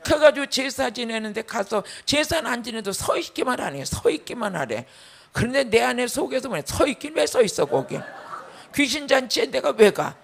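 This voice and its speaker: An older woman pastor giving a sermon testimony, telling her story in an animated way with loud, emphatic bursts. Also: fairly high pitch, moderate pace, gravelly.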